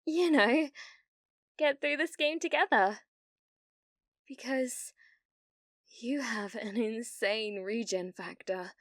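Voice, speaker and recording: For an ASMR roleplay, a woman plays a delusional young British gamer girl with a needy, awed, obsessive sweetness that carries menace. Her fairly high, slightly bright voice is recorded very close and dry on a studio-style mic. She speaks slowly and dreamily, with breathy giggles and sudden intense bursts.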